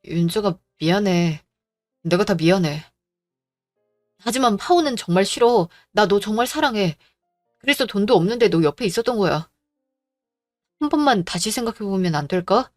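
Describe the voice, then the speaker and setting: A woman voicing a gentle, devoted young man who pleads softly, in a storybook drama reading. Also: medium pitch, animated, normal speed, long pauses, faint music behind, natural voice. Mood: pleading. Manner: pleading, soft-spoken.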